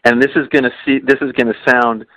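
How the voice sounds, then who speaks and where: A man's voice: mid-range voice, level tone, fast talker, pushed and bright, no room sound, low-quality recording. A man co-hosting a podcast about coaching and parenting, talking earnestly and repeating key phrases for emphasis. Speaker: podcast co-host. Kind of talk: podcast conversation.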